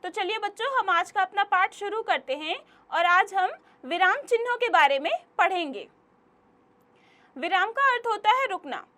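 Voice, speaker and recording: Very high-voiced woman teaching children. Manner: addresses the children warmly, slows down to read example sentences. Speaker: Hindi grammar teacher. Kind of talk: children's grammar lesson.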